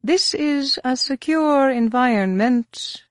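A woman voicing a male reptilian alien security chief who speaks with a sibilant hiss, slow and intense. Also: high-pitched, no room sound, studio quality, voice pushed up. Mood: guarded.

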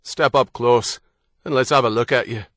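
A man voicing a wary rural man who speaks gruffly. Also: medium pitch, wildly swooping pitch, unhurried, no echo. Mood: guarded. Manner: gruff, guarded shouting. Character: wary rural Irish man guarding his house.

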